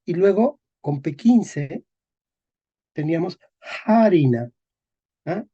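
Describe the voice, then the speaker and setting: A man teaching a class on historical sound changes, speaking slowly and deliberately, checking in with his listeners after nearly every phrase and repeating key words. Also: fairly high pitch, lively intonation, mellow, husky, dull audio. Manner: slow and deliberate, checks in constantly with "¿ok?" and "¿eh?". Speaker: teacher of Spanish historical phonology. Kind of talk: classroom lecture.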